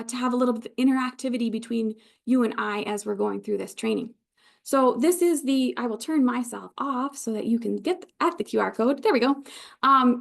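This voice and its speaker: With a little high voice and some vocal fry, this woman speaks in an Upper Michigan Yooper accent. She's leading a live online video training, keeping things informal and conversational while reassuring her learners.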